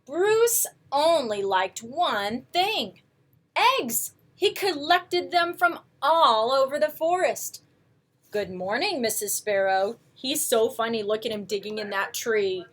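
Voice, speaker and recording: This storyteller has a high voice and takes a slow pace as she reads a picture book aloud for young children. She reads expressively and turns to the kids with coaxing little asides.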